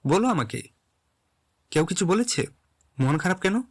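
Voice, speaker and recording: A man's voice: high-pitched, very animated, unhurried, heavily acted. A man playing a tender, insistent young man. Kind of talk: Bengali audio drama acting.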